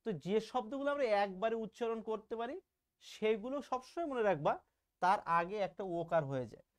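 A man's voice: sits high, lively intonation, fairly quick. A man from Bangladesh, teaching a casual online grammar lesson in a chatty, teasing way, asking rhetorical questions and drawing out example words.

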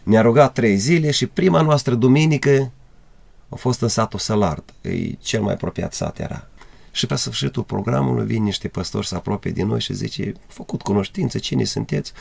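Creaky man telling a testimony. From Republic of Moldova. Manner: animated, voice climbs high in retold dialogue. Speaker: guest evangelist. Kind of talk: emotional testimony storytelling.

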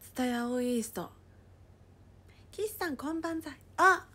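A woman casually chatting on a livestream, reading viewer comments aloud and often dropping into a soft whisper. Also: high-pitched, moderate pace. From Japan.

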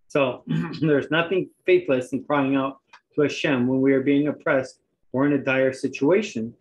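A man preaching a sermon, reading scripture aloud and pausing in turns for an interpreter. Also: medium pitch, steady tone, lo-fi sound.

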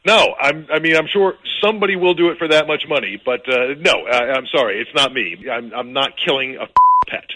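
A man's voice: mid-range voice, a little fast, heavy background noise. A man in a casual phone conversation, speaking hesitantly, stammering and repeating himself. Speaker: prank call target, hired odd-job worker.

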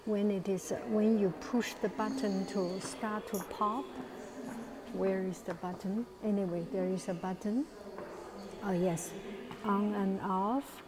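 A woman tours an indoor art museum gallery, offering casual spoken commentary in a slow, hushed voice that is critical, hesitant, and sometimes whispered. Her pitch is medium and her tone steady, with noise in the background. She records on an earphone mic while holding a phone camera at arm's length.

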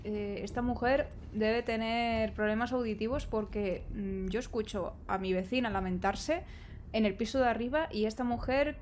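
In let's play commentary, a young woman streams herself gaming, sounding jittery, letting out exclamations and chatting to the characters. She speaks in a mid-range voice, and there's a faint hiss or hum.

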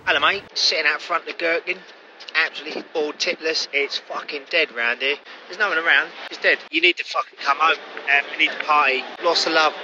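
A man's voice: on the high side, brisk. A man playing a bored, swearing mate on a voicemail. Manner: swearing, laddish, restless. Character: bored, boozy male mate calling a friend. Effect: voicemail message over a phone line. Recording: muffled phone line, noisy street.

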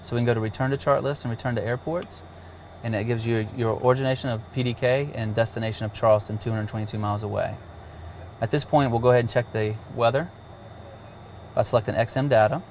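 This man's mid-range, slightly mellow voice moves fast with fairly even intonation, over a little hiss or hum. As an avionics demonstrator, he casually walks through a cockpit navigation system step by step, plainly and with occasional fillers.

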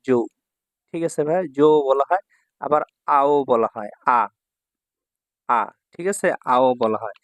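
A man's voice: a little high, no echo. A man from Bangladesh teaching Japanese kanji in a lesson, repeating words and checking in with his students often. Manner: repeats words and asks "ঠিক আছে?" often.

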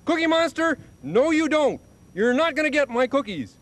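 Ernie, a bright puppet voice. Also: male voice, very high-pitched, big pitch swings, moderate pace, exaggerated voice. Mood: wary. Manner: earnest, wary, stammering restarts. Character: cheerful young male puppet, fussy about cookies.

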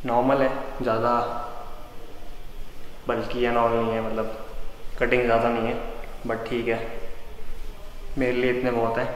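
A man's voice: mid-range voice, flat delivery, normal speed, long pauses. A young man in his twenties with an Indian accent, casually explaining gym exercises step by step and switching between Hindi and English. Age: 20s. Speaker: fitness vlogger. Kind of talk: casual workout demo talk. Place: large indoor gym hall. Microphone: camera mic from a few steps away. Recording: echoey hall with faint background noise.

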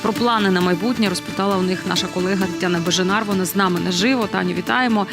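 Brief: woman studio news anchor, quick scripted read, a music bed clearly behind. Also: medium pitch.

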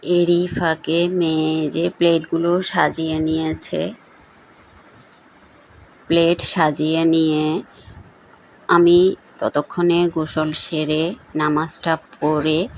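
A middle-aged woman narrating her cooking and family day in an unhurried, flat way with small pauses. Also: low-pitched, low-quality recording. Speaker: family vlogger.

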